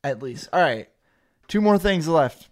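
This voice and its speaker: A young man hosting a casual sports podcast from home, bursting into loud announcer bits. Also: fairly high pitch, expressive, a little slow. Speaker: podcast host.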